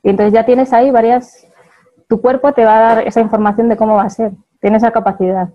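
A woman's voice: a little high, fairly even intonation, fairly quick, muffled recording. A woman with a Spain Spanish accent giving a chatty motivational talk to an audience, laughing often and checking in with her listeners.

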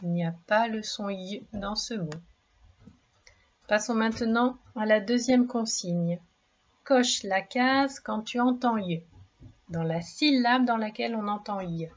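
Slow, patient woman teaching children to read. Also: mid-range voice, muffled recording. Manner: patient, encouraging, stretches out words and syllables. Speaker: primary school reading teacher. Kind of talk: slow, clearly articulated reading lesson for young children.

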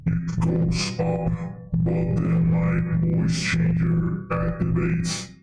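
A man through a breathy voice-changer voice. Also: echoey room, over loud music. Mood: explaining. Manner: slow, exaggerated talking. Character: garbled voice-changer voice of a male robot streamer.

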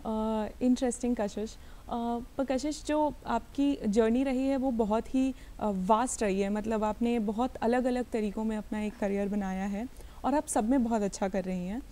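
A woman hosting a broadcast interview, asking long, measured questions. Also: fairly high pitch, fairly even intonation, warm tone. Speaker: TV interview host.

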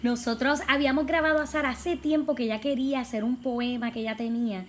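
A woman's voice: on the high side, fairly even intonation, fast talker, very noisy. A woman in her thirties from Puerto Rico with a Puerto Rican accent, chatting casually as a family vlog host, laughing easily. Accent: Puerto Rican Spanish.

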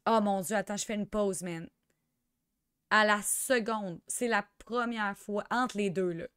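A young woman with a Quebec French accent chatting through a life-sim game, excitable and sprinkling in English slang. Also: medium pitch, measured pace, clean tone, no echo, clean studio sound. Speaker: gamer. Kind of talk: let's play commentary.

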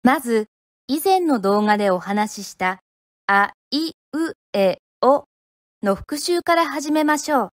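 A woman from Japan teaching pronunciation, speaking clearly and deliberately and modeling each syllable one at a time. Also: on the high side, very animated, dry recording, studio quality. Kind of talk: slow, careful teaching of pronunciation.

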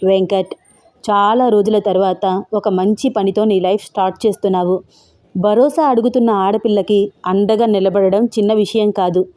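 A woman's voice: mid-range voice, steady tone, normal speed, dark tone, close to an everyday voice. A woman voicing an earnest, proud older father giving his son advice.

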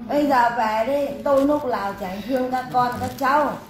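A woman acting as a spirit medium, speaking as a deceased mother, in a scolding, motherly, rapid way. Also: high-pitched. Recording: echoey room with background noise.

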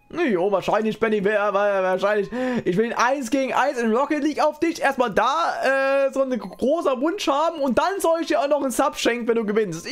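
Excitable man yelling at a race. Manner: excitable, swings from low mutters to high-pitched yelling at the game; chatty, greets and answers viewers. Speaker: streamer. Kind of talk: live gameplay commentary and chat reading.

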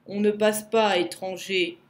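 A woman voicing a cautious wallaby in a storybook, speaking up loudly with warnings. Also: mid-range voice, little pitch movement, unhurried, lightly acted. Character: cautious wallaby guarding a mountain. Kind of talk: storybook reading.

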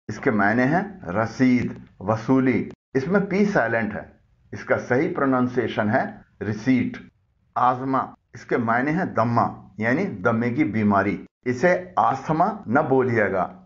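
Urdu-speaking guy teaching how to say english words, steady explainer tone, kinda muffled recording. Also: medium pitch. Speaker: language teacher. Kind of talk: explanatory lesson.

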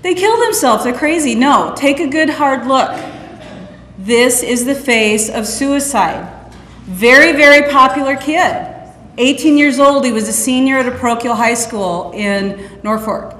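A middle-aged woman with a slightly high voice speaks earnestly and directly to a conference audience. She acts out the lines she quotes. Her voice rings around a large hall with a long reverb tail. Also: animated, a little slow, fairly bright tone. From Northeast Nebraska. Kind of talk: personal testimony talk.

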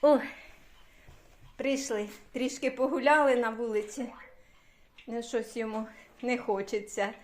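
A woman's voice: a little high, fairly even intonation, measured pace, pauses often. An older woman from Ukraine vlogging outdoors, cooing in sing-song baby talk to a toddler and a dog. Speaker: vlogger great-grandmother. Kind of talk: home vlog, talking to a toddler and a dog. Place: outdoors in a windy yard. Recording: loud wind and outdoor noise.

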